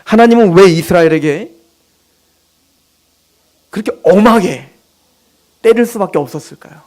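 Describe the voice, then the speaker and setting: A male pastor giving an animated, emphatic sermon with personal asides. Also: sits high, moderate pace.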